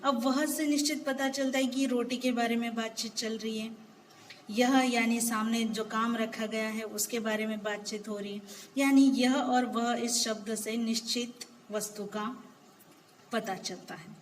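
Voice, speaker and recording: Slow-paced woman teaching a lesson. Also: on the high side, fairly even intonation, in a large hall, a little hiss or hum, poor audio. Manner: slow, patient explaining with many examples. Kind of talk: Hindi grammar lesson.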